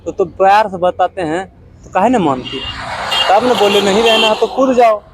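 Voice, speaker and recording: A high-pitched man with a Bhojpuri-tinged Hindi accent speaks to his phone camera outdoors, now coaxing and pleading, now turning to his viewers. Traffic and street noise stay clearly audible behind him. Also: moderate pace. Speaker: vlogger. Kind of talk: casual vlog to camera. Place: outdoors by a river near a road.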